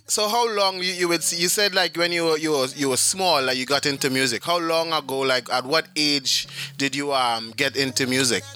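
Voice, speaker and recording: A man's voice: on the high side, steady tone, moderate pace, pushed and bright. A Trinidadian man hosting a radio interview, laid-back and repeating himself as he talks. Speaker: radio host. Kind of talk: casual interview.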